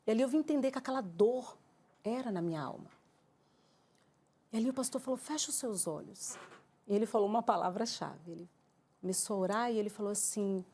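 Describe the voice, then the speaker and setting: A Brazilian woman giving an emotional church testimony, telling her story with lively acted-out dialogue. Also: medium pitch, husky. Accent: Brazilian Portuguese. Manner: animated storyteller acting out her own quoted dialogue.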